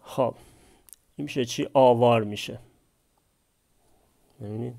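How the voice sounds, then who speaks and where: A man's voice: mid-range voice, vocal fry, mellow. A man teaching a language class, explaining a text phrase by phrase and posing questions he then answers himself. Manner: asks and answers his own questions.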